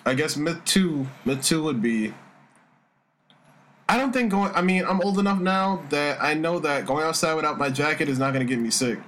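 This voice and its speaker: A man's voice: a little high, lively intonation, moderate pace, a bit bright. A man co-hosting a podcast, telling rambling stories and defending himself when teased. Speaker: podcast co-host. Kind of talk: casual chat. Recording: noisy background.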